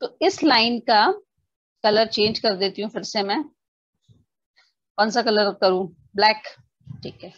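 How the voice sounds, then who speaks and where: A woman's voice: mid-range voice, unhurried, pauses often, no room sound, highs cut off. A woman teaching a physics class online, explaining step by step, mixing in English definitions and checking often whether her students have understood.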